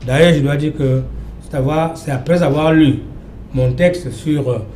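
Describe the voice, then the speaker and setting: An older man from Cameroon holds forth as a debate guest in a TV studio, emphatic and given to repeating himself. His voice sits a little high but mellow. The room is roomy and echoing, with a faint hum underneath. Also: measured pace. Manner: emphatic, lecturing, repeats phrases. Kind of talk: televised panel debate.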